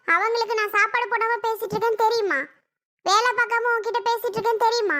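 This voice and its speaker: Indignant young daughter-in-law, put on super high and bright, whiny and defiant, family comedy skit. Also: steady tone, quick pace. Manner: indignant, complaining.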